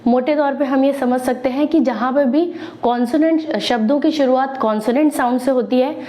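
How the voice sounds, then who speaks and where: A woman teaching English pronunciation at a whiteboard, speaking slowly, spelling out words and examples, with fillers and self-corrections. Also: sits high, mellow. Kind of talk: classroom lesson at a whiteboard.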